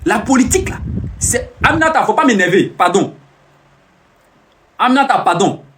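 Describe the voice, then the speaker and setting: High-voiced, animated man. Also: moderate pace, slight background noise. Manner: boastful, teasing, repeats phrases over and over. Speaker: live streamer. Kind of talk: casual boastful live-stream talk.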